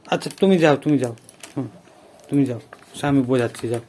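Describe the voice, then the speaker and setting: A man playing a father in a family vlog, coaxing and gently lecturing his daughter. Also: mid-range voice, quick pace, slight background noise. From Bengal. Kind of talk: scripted family drama vlog.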